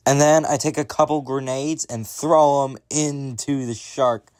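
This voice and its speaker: A man's voice: medium pitch, fairly even intonation, measured pace, darkish tone, clean tone. A man telling crude comic stories in a rambling, exaggerated rant. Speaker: comedian.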